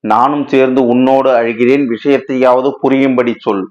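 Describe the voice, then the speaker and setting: A man voicing a calm male friend in a storybook reading, asking steady questions and urging the other to speak plainly, on a dull lo-fi recording. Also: medium pitch, normal speed, lightly acted. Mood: impatient. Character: calm male friend, patient but pressing.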